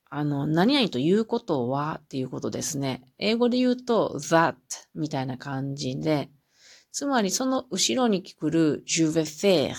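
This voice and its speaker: A woman hosts a solo podcast lesson on French. Her voice is low and gravelly. She explains in small, patient steps, pausing on fillers, and reads each example phrase slowly before repeating it. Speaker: French language teacher.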